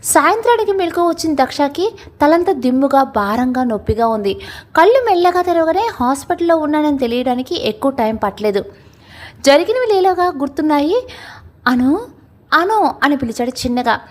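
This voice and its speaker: A woman's voice: high voice, big pitch swings, a little fast, a little mellow. A woman narrating a family drama story from a script, reading every character's lines herself.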